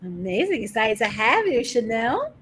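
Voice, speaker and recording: Female host, online conference, upbeat and a little higher-pitched, formal introductions. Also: sing-song, normal speed, fairly bright tone, a little hiss or hum. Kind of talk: virtual conference moderating. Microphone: video call.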